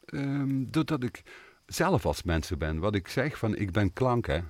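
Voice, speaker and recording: A man telling stories as a guest in a conversational interview, earnest and animated, with frequent hesitations. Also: medium pitch, unhurried, dry recording. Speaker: guest, theatre maker and composer.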